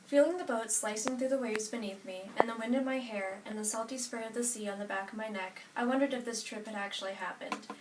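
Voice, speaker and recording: An eighteen-year-old woman from Nebraska reads a prepared personal narrative from note cards, steady with small self-corrections. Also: on the high side, fast talker, hardly any pauses, heavy background noise. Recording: roomy sound from a distant mic.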